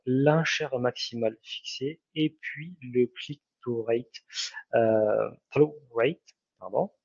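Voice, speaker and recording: Male trainer, husky gravelly voice, halting delivery with constant restarts; dull dry recording. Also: mid-range voice, a little mellow, dry recording. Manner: many fillers and self-corrections. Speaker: online ads trainer. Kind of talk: hesitant spoken lesson.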